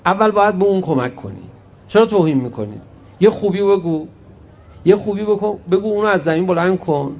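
A man preaching a religious sermon, reciting Arabic hadith slowly and then explaining them conversationally to his audience. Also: sits high. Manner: animated storyteller addressing the audience directly. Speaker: cleric preacher. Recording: muffled lo-fi recording.

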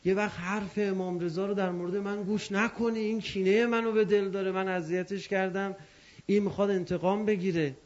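A man's voice: sits high, little pitch movement, darkish tone, close to an everyday voice. A man voicing a desperate condemned man who pleads in a raised voice. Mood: pleading. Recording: dull lo-fi recording.

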